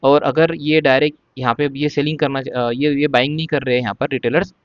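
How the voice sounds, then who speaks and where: In a relaxed lesson, this trading teacher walks through stock charts one step at a time, frequently checking that the listener is following and saying "ठीक है" over and over, even promising to go slowly. His mid-range voice is steady, and the dry recording sounds lo-fi.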